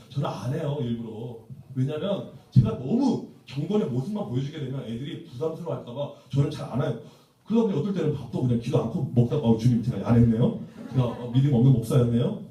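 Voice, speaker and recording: A man's voice: medium pitch, dark tone. A man who is a pastor gives a humorous seminar talk to church teachers. He tells stories in a playful way and acts out quotes. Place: church sanctuary. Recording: echoey church hall from far off.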